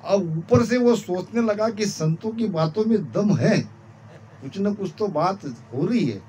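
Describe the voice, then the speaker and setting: A man preaching at a satsang, slowly narrating a moral story and repeating phrases for emphasis. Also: sits high, expressive, mellow, a little hiss or hum. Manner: slow, repetitive story narration.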